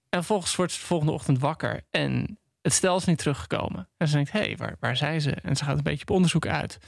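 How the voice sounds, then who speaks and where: Gravelly, halting male book critic. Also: a little high, no echo, studio quality. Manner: halting, full of restarts and ums. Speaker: podcast co-host. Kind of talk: casual book discussion. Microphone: studio microphone.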